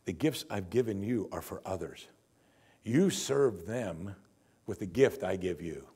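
Preaching from the pulpit with a lapel mic clipped on, this older pastor keeps his sermon lively, chatty, and wry. He talks at an unhurried pace in a deep, husky voice.

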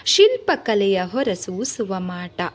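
Woman storyteller, novel reading, measured, expressive, middle pitch. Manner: measured, expressive first-person narration.

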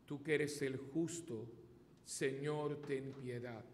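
A man leading Mass as a priest, praying in a measured, solemn, phrase-by-phrase way with cathedral-like echo. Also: mid-range voice, fairly even intonation, darkish tone. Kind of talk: slow liturgical prayer. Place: church sanctuary, indoors. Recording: echoey church hall, long reverb, background noise.

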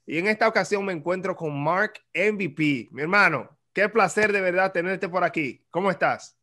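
Young Dominican male host, teasing and slangy, high and bright, recorded over a video call. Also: normal speed. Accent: Dominican Spanish. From Dominican Republic. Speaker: interview host. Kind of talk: casual interview on a video call. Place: small room indoors.

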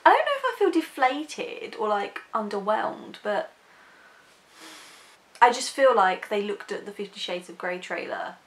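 A woman's voice: medium pitch, very animated, a little slow. Woman book vlogger, casual chat to camera, candid and apologetic. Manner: chatty, candid, apologetic asides.

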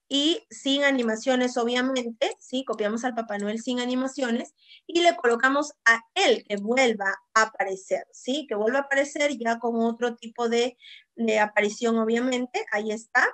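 Woman teacher, high voice, lively tutorial delivery, keeps checking in with the viewer. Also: moderate pace. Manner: lively, asks rhetorical questions and checks in often. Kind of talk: screen-recorded software tutorial.

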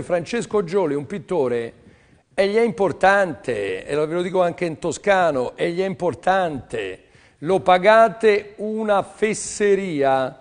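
Chatty older man selling paintings on air. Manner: chatty, teasing, rambling salesman pitch. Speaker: TV art auction seller. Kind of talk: live sales patter.

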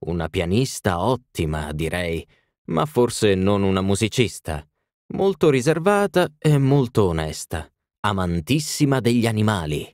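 A man voicing a fussy little male palm reader who pronounces readings in a measured, ceremonious way. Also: on the low side, big pitch swings, a little mellow, dry recording, studio quality. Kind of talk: audiobook reading.

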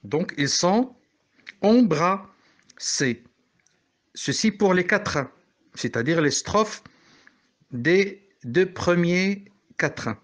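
A man's voice: high-pitched, lively intonation, slow, a bit bright. A man from Morocco teaching a French poetry lesson, explaining step by step and correcting himself as he goes.

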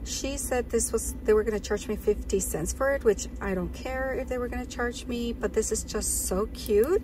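A woman's voice: a little high, normal speed, noisy background. A woman talking chattily and with enthusiasm as she shows off her purchases in a casual vlog, recorded while sitting on her bed. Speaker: vlogger.

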